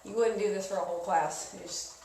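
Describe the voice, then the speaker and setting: A woman's voice: mid-range voice, fast talker, mellow. Woman spin teacher doing the cool down, easygoing and encouraging, echoey room with a bit of noise. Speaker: spin class instructor. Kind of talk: casual workout cool-down coaching. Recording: roomy, distant mic, some background noise.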